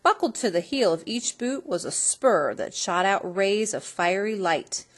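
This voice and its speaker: A woman with a mid-range voice reads a children's story aloud at a measured pace, using an expressive storytelling style as a storybook reader.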